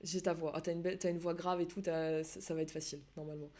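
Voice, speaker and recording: A woman's voice: low voice, level tone, quick pace, a little mellow. A young adult woman hosting an esports league live stream, chatty and laughing often, correcting herself as she goes. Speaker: esports league show host.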